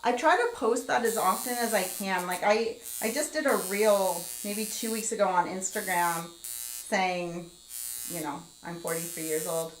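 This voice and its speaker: A woman in her forties hosts a live skincare stream, chatting casually as she explains each step and reads comments from the chat aloud. Her medium-pitched voice keeps a measured pace. The low-quality recording sounds roomy, with slight background noise.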